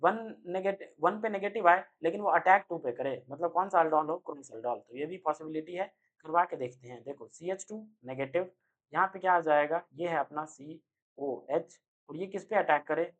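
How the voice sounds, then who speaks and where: A young man giving an energetic online chemistry lecture, speaking loudly and constantly quizzing his students with quick rhetorical questions. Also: a little high. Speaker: chemistry teacher. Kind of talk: online exam-prep lecture.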